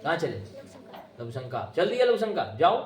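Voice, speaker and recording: A man teaching Sanskrit grammar, his voice pitched high and ringing off the walls of a classroom. He quizzes his students, chants the rules slowly and waits for them to repeat. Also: sing-song, faint music behind. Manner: drills students with call-and-response questions. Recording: echoey classroom.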